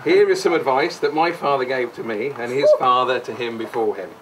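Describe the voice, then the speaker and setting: A man's voice: medium pitch, a little fast, fairly bright tone. A man gives a rambling best man style wedding speech, jokey and mock-sincere, often digressing. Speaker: wedding speaker, brother of the bride. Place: wedding reception room. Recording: noisy distant live room recording.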